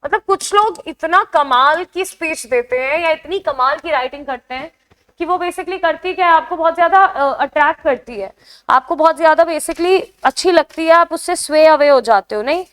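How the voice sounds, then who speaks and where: High-voiced Indian woman teaching a class. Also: moderate pace, a bit bright. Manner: explains in mixed Hindi and English, checks understanding with questions. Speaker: exam coaching teacher. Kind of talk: online classroom lesson.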